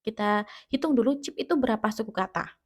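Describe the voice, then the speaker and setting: With an Indonesian accent, a woman English teacher delivers a classroom-style grammar lesson, explaining step by step and checking that students understand. Her voice is a little high, and she talks fast.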